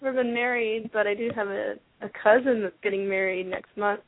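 A woman's voice: medium pitch, steady tone, dry recording. Hesitant woman on a speakerphone line. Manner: hesitant, pauses with many fillers. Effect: calling in on a speakerphone over a phone line. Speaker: caller. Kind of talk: call-in radio chat. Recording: tinny narrow phone line.

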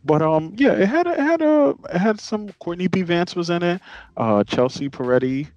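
A man co-hosting a movie review podcast, speaking in a laid-back, halting way. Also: sits high, lively intonation, a little mellow, dry recording, lo-fi sound. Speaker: podcast co-host. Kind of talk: casual movie review chat.

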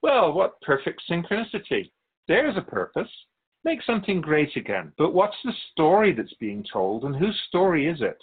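In a radio drama presented as an interview, a man plays a wise, wry, otherworldly keeper of souls, speaking with calm caution in a husky voice. His pitch shifts expressively as he muses and instructs in measured phrases with thoughtful pauses, and the sound is somewhat dull and lo-fi.

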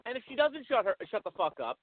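High, animated man on a phone line. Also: fast talker, no echo. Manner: profane, mock-tough, acts out lines. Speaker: friend giving advice by phone. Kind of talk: casual phone chat.

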